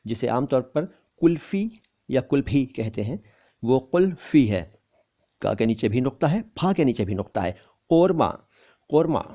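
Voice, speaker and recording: A man giving a pronunciation lesson, saying each word slowly and repeating it to contrast the right and wrong sounds. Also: medium pitch, mellow, muffled recording. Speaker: language teacher.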